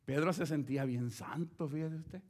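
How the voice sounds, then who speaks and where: A man's voice: a little high, normal speed. A man preaching a sermon, speaking straight to his listeners with rhetorical questions. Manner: animated, addresses listeners directly with rhetorical questions.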